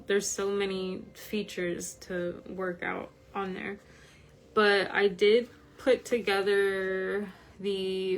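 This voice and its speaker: Woman, informal online group host. Tired, slightly croaky, very slow and even, over background noise. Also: medium pitch, low-quality recording. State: tired from medication. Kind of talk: informal livestream talk.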